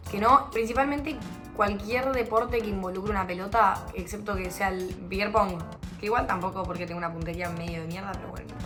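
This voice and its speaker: Chatty young Argentine woman, bright voice. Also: mid-range voice. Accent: Rioplatense Argentine Spanish. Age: young adult. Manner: chatty, self-mocking, slangy. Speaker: vlogger. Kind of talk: casual chat to camera. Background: music.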